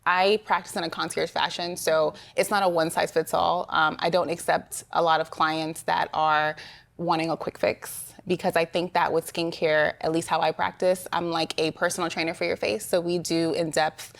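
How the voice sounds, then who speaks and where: Low-pitched woman with some vocal fry. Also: flat delivery, moderate pace. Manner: conversational, explains practical advice. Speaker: esthetician, interview guest. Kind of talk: explanatory interview talk.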